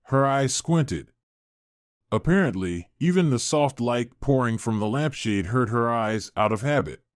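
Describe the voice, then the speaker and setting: Man narrating with lively intonation. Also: mid-range voice, a little slow, dry recording, studio quality. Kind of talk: scripted story narration.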